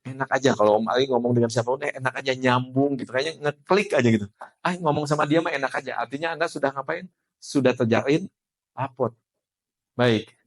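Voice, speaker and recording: A man, teaching a class as an NLP trainer in a lively style and often putting questions to the room. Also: mid-range voice. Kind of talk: classroom lecture.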